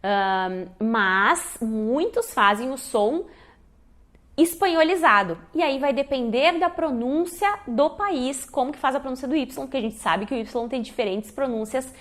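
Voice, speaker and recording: A woman's voice: sits high, measured pace. A young woman hosts a casual online lesson and quizzes the viewer as she goes. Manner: lively, quizzes the viewer, gives spoken examples. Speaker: Spanish teacher, channel host.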